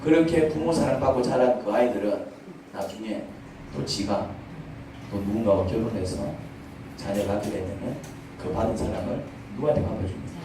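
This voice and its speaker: A man's voice: lowish voice, brisk, very echoey, far from the mic, background noise. A male pastor preaching a sermon in a church, speaking conversationally and asking the congregation many questions. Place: church sanctuary.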